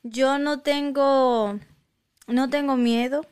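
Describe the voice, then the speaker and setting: Smooth higher-voiced woman telling a story. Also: fairly even intonation, takes it slowly, darkish tone. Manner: hesitant storytelling, mixes in English words. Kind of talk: casual chat.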